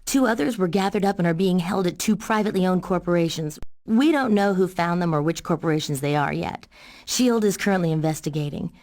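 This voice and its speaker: A coy, confident young American cat burglar played by a woman, speaking in a lowish female voice. She sounds playful and teasing, in the manner of a video game cutscene. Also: fairly quick, darkish tone, close to an everyday voice. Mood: brisk briefing.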